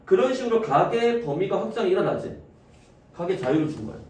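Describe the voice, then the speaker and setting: A man teaching high school math in a classroom lecture. He asks his students questions, answers them himself and talks to them casually. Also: expressive, fast, darkish tone. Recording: echoey room, distant mic, faint noise.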